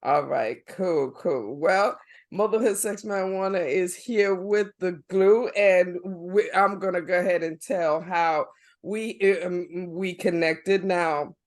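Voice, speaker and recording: A man's voice: high voice, slow pace. A man hosting a podcast in casual chat, slangy and wordy, often hesitating as he goes. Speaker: podcast host.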